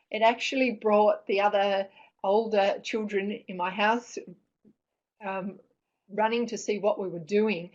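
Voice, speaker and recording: A middle-aged woman giving an informal explanatory presentation in a hesitant, thoughtful way, with frequent pauses and restarts. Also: mid-range voice. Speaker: presenter on parents reading with children. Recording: dull, lo-fi sound.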